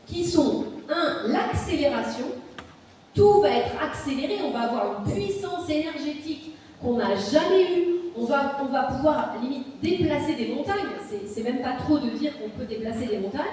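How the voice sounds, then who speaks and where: A woman's voice: high-pitched, dark tone, slight background noise. A woman giving a public lecture in an explanatory way, often checking with the audience that they follow. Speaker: university lecturer giving a talk. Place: meeting hall. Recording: echoey hall from far off.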